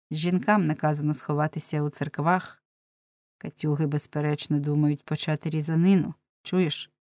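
A defiant young prisoner answers his jailers with bitter irony, as a woman reader plays him. The voice is fairly low and dry, close to the mic. He speaks with a grim, steady edge. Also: no echo, lightly acted. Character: bold defiant young man, sharp-tongued prisoner.

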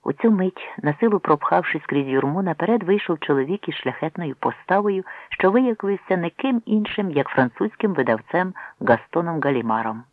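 A man's voice: animated, normal speed, few pauses, no room sound. A man narrating a novel aloud, changing his voice for the characters' lines. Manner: voices characters by shifting pitch. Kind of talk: audiobook reading with acted dialogue. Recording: tinny phone-like sound.

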